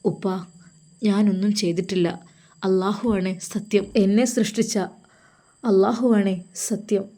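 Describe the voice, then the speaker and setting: A woman voicing a calm, fearless young male religious teacher reassuring his family in an audio story. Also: medium pitch, unhurried, lightly acted.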